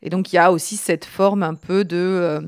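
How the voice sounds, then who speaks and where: A woman hosting an interview, talking in a measured, thoughtful way with occasional fillers. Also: fairly low pitch, fairly even intonation, clean tone, no echo. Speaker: host.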